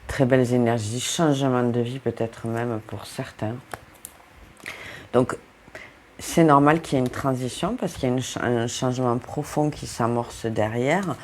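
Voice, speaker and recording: A man's voice: mid-range voice, unhurried, slight background noise. A man with a French accent giving a casual, upbeat tarot card reading, talking straight to his viewers and often interrupting himself. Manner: chatty, upbeat, breaks into laughs and self-interruptions.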